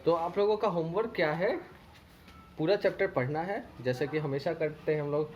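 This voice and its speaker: A man teaching a primary school English lesson with an Indian accent, reading a children's story slowly, repeating words and spelling them out letter by letter. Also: a little high, highs cut off, slight background noise.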